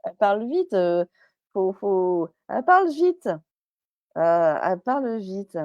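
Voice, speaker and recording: A woman's voice: mid-range voice, big pitch swings, unhurried, no echo, dull audio. A woman medium on a live stream, chatty and hesitant, with many fillers and restarts, relaying messages as quoted speech.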